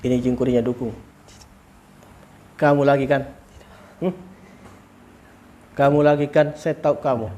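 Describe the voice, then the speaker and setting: A man, working as a spiritual healer in an exorcism session, giving commands and repeating sharp questions. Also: medium pitch, fairly even intonation, a little slow, long pauses, dull audio, a little hiss or hum.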